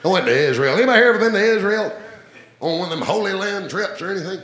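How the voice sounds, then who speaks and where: A man's voice: high-pitched, animated, very fast, fairly bright tone, echoey room. Southern man doing self-mocking stand-up. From Georgia, US. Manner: self-mocking hillbilly humor, laughing through punchlines. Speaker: comedian. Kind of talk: stand-up comedy and radio interview.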